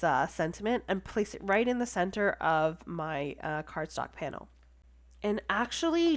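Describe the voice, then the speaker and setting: A woman with a stuffy, congested voice, chatting enthusiastically as she talks through making a card. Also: mid-range voice. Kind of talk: casual crafting tutorial voice-over.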